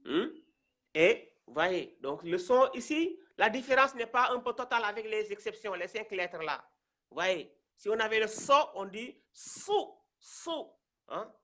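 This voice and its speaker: A man's voice: high-pitched, sharp tone. A man from Senegal teaching Quran reading, patiently sounding out syllables and often checking in with his learners. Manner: patient and repetitive, often adding "hein" and "voyez bien". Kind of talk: slow step-by-step reading lesson.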